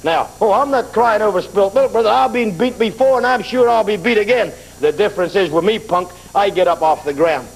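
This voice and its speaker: A man's voice: sits high, a little fast, hardly any pauses, breathy edge, poor audio. A man cutting a brash wrestling promo on TV, trash-talking his rivals and tossing in "brother" again and again. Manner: brash trash talk, keeps saying "brother".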